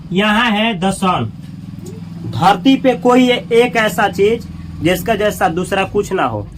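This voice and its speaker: A man's voice: sits high, a little hiss or hum. A male teacher giving a classroom-style grammar lesson, repeating and drilling sounds aloud.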